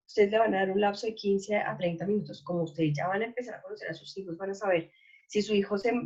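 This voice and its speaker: A woman's voice: medium pitch, creaky, darkish tone, breathy edge, lo-fi sound. A woman school counselor, patiently explaining to parents in a workshop talk. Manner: patient, explanatory, asks "¿sí?" often.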